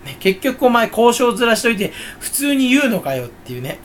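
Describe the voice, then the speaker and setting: A man's voice: extremely high pitch, big pitch swings, fairly quick, a little hiss or hum. A man talking to himself in a casual, rambling solo monologue, joking and mocking himself. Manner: self-mocking, jokey, rambling. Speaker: channel host.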